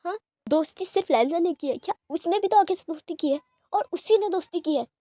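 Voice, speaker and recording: A woman's voice: extremely high pitch, fairly quick, dark tone, dry recording, voice pushed up. A woman voicing a protective mother who indignantly defends her son in an audio story. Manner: indignant, reproachful.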